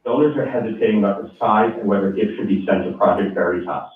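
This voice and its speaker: A man reading a prepared letter aloud over a call whose audio keeps breaking up, halting and apologetic when the line cuts out. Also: fairly low pitch. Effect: choppy call audio that breaks up. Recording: tinny, echoey call audio from far off.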